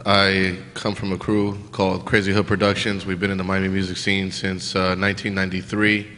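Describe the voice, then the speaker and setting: A man's voice: low voice, little pitch movement, brisk, sharp tone. A man who is a rapper, introducing himself on a panel in a laid-back, plain-spoken way. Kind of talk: live panel talk. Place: museum event hall before an audience. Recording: live hall reverb.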